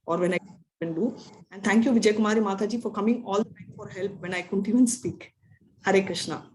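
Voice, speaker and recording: This talkative woman, a native Telugu speaker, is a spiritual teacher chatting informally with an online class, wandering from point to point and regularly checking "right?". She talks fast in a mid-range voice with a darkish tone, over slight background noise.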